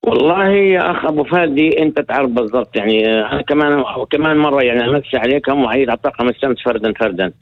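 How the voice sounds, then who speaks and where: A man's voice: mid-range voice, rapid-fire, few pauses. A man, calling into a radio show as a guest, rambling with many restarts and repeated words. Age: 50s. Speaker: phone-in guest, retired colonel. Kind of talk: phone-in radio interview. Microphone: telephone. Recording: tinny phone line.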